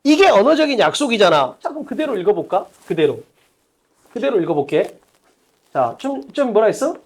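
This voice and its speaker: A woman teaching an English exam lesson at a whiteboard, talking bluntly and colloquially, quizzing her students with rapid rhetorical questions and repeating key points. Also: medium pitch, darkish tone. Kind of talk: lecture at a whiteboard.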